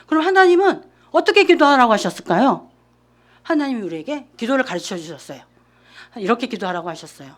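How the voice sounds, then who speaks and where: A woman junior pastor giving an animated children's sermon in church, asking the kids questions. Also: on the high side, quick pace. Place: church during a service.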